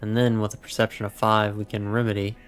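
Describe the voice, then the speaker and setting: A man's voice: on the low side, level tone, fast, faint music behind. A man streaming a game, muttering to himself and reading out dialogue choices as he plays. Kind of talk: gameplay commentary.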